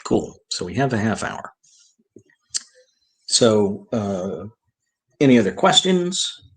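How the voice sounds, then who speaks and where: A man's voice: fairly low pitch, sing-song, slow pace. A man giving a talk on old-fashioned manners, reading rules from an old etiquette book and adding wry comments of his own.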